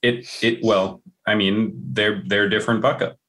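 Emphatic low-voiced man giving advice. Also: steady tone, normal speed, a bit bright. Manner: passionate, emphatic, repeats phrases for stress. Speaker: podcast guest, entrepreneur. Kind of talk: casual podcast conversation.

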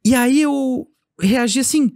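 A man being interviewed as a company founder, telling a casual story with animated delivery and acting out bits of dialogue. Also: very high-pitched, a little slow, no room sound, studio quality. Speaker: podcast guest, company founder.

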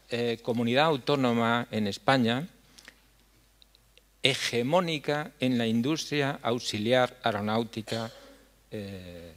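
Older man speaking earnestly, halting. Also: mid-range voice. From La Mancha, Spain. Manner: earnest, halting with frequent fillers. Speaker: foundation head giving a talk. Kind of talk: conference speech. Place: dark stage in a hall. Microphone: stand mic at a lectern.

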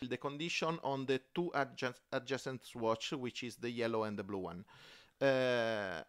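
A man who speaks as a talks through a board game on a podcast. His voice is smooth and resonant, and his speech halts often with fillers and restarts. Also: mid-range voice, fairly bright tone. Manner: halting, many fillers and restarts. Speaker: podcast co-host. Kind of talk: casual board game chat.

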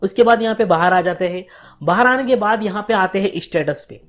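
A man's voice: high-pitched, brisk, a bit bright, faint music behind. A man hosting a casual tech tutorial, talking viewers through phone settings step by step with constant filler phrases. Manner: chatty, leans heavily on fillers like "here" and "what is"; friendly, asks viewers directly for likes. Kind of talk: casual screen-recorded tutorial narration.

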